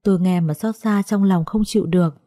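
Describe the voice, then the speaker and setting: A woman reading a ghost story aloud in a steady, measured storytelling voice. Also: fairly low pitch. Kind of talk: scripted narration of a ghost story.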